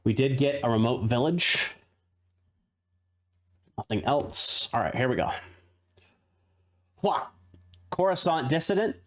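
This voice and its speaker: Speaking slowly and expressively with frequent pauses, a mid-pitched man gives laid-back commentary while opening a card pack on stream. He reels off card names, chats in between, and chuckles when he trips over tongue-twisters.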